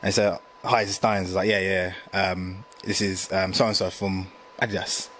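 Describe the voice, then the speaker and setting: A man, telling stories in a slangy, animated casual chat full of fillers. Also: low voice, normal speed, a little hiss or hum. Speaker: graphic designer guest.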